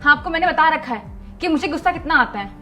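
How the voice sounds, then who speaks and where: A woman's voice: high-pitched, expressive, fast, pushed and bright, echoey room, soft background music, low-quality recording. A young woman acting a wife in a scripted sketch, defensive and scolding, pleading for forgiveness between reproaches. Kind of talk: scripted comedic monologue.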